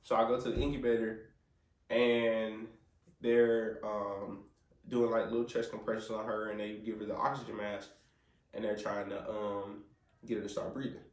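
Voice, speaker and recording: A man's voice: fairly low pitch, little pitch movement, moderate pace. A man telling his baby's birth story with earnest feeling, quoting himself and the nurses as he goes. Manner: earnest, quotes himself and others, prays aloud. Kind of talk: emotional storytelling. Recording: roomy sound, mic at a distance.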